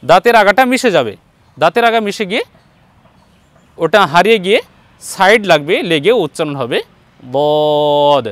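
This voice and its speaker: A man with a fairly high voice teaches a Quran reading lesson, speaking patiently and straight to his viewers. He stretches out each letter sound so they can repeat after him. The sound is dry and close, with no room echo. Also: expressive, a bit bright. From Bangladesh. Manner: patient, addresses viewers directly, drawn-out letter sounds for repetition. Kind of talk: step-by-step pronunciation lesson.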